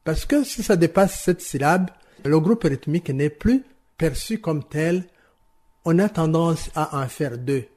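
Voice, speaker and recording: A man explaining French rhythm and stress to teachers in a slow, measured, didactic way, answering interview questions. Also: a little high, expressive, darkish tone. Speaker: language teaching expert.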